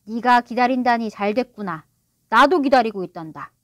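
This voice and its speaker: A woman's voice: on the high side, expressive, moderate pace, a bit bright, no echo. A woman voicing a proud, sulky middle-aged father who blusters and gets defensive. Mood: indignant.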